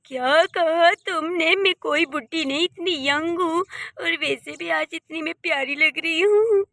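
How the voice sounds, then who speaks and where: A woman voicing a fussy, easily exasperated old mother-in-law in a cartoon, talking slowly and scolding with repeated words. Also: very high-pitched, a bit bright, dry recording, studio quality, full character voice. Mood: indignant. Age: older. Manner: slow, scolding, repeats herself. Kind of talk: Hindi cartoon voice acting.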